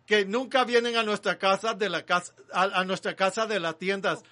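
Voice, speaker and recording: A man interpreting a sermon live, talking in an animated way with frequent restarts. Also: high voice, normal speed.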